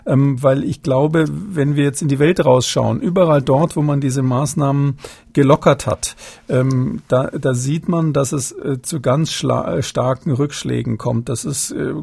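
A man's voice: mid-range voice, gravelly, mellow, husky, no room sound. A man answering interview questions as an expert guest, hesitant, with many fillers and restarts.

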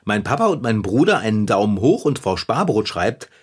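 Cheerful, vain young mechanic for a kids' show: husky, animated, quick to take offence. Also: male voice, fairly low pitch. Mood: puzzled. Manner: chatty and easily hurt, quick to protest. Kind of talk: children's TV acting.

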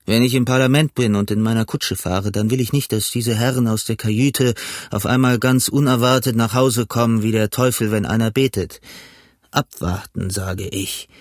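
A man voicing a cunning older pirate cook who talks in a gruff, blustering, lecturing way, in an audiobook reading. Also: fairly low pitch, fairly even intonation, normal speed, no echo, studio quality, lightly acted. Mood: scheming.

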